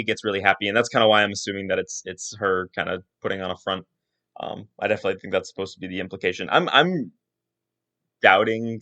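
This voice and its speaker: A man's voice: on the low side, a bit bright. A man hosting a casual solo podcast, rambling through his thoughts with lots of restarts and asides. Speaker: podcast host.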